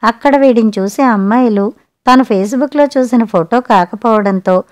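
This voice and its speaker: A woman narrator voicing a grown son who explains things to his mother softly and slowly. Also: fairly high pitch, lightly acted. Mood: weary. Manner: soft, measured. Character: calm grown son, gentle and weary.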